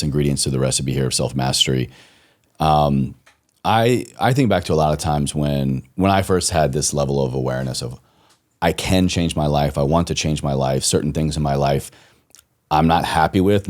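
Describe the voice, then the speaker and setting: A man hosting a podcast, chatting with a guest in an affirming manner, quick to laugh and often murmuring agreement. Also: rumbling low. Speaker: podcast host. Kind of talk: casual interview conversation.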